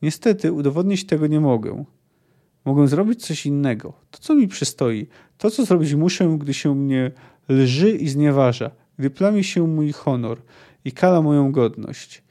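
A man's voice: on the high side, lively intonation, normal speed, dark tone. A man voicing a proud young male knight, speaking firmly and solemnly about his honour.

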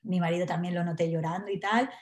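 A woman's voice: lowish voice, fairly even intonation. Nervous woman in an echoey room. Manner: halting, frequent tag questions and restarts. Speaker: interview guest. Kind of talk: personal storytelling.

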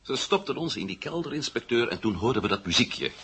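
A man's voice: mid-range voice, big pitch swings, quick pace, husky, faint music behind, exaggerated voice. A man voicing a defiant, sarcastic adventurer held for questioning. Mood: recounting. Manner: sarcastic, defiant, sharp swings in loudness. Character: defiant male adventurer under arrest, sarcastic.

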